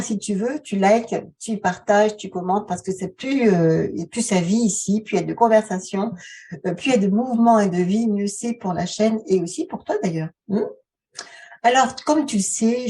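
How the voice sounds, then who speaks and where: A woman talking casually to her viewers as a video host, halting and conversational, often posing rhetorical questions. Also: medium pitch, warm tone, husky, recorded from a distance. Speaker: video channel host, author and relaxation therapist. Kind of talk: casual vlog talk addressed to the viewer.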